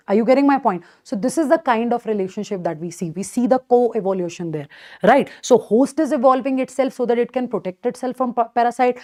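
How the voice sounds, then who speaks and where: Casting: female teacher, North Indian accent, higher-pitched voice, informal lecture delivery, emphatic and repetitive on key points. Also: warm tone. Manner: emphatic, repeats key points, checks in with students. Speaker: biology teacher.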